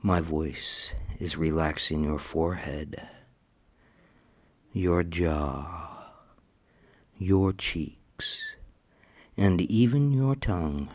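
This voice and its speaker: A man with a very deep, low voice leads a hypnosis recording. He speaks very slowly and repeats his commands, often sinking into hushed whispers. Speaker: hypnosis audio narrator. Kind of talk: slow scripted hypnotic induction.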